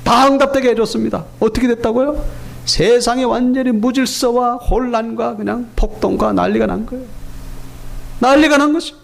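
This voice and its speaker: A male pastor delivers a sermon in a church sanctuary, throwing rhetorical questions at his listeners. His voice sits very high and has a gravelly, fry-edged texture. When he retells a story, he slips into the quoted voices. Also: normal speed. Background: congregation answering amen.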